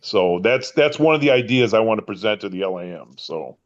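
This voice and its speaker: A man's voice: on the low side, lively intonation, fairly quick. A man in his late fifties talks in a loose, rambling way. He keeps circling back to the same filler phrase. The recording sounds a bit dull and lo-fi. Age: 50s. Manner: rambling, repeats "it's like" often. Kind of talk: casual chat.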